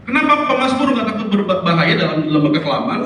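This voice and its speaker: A man with a high voice preaches a sermon at a quick pace in a large church hall, animatedly telling stories and acting out the people and the barking dog in them. The recording is echoey, picked up from far off.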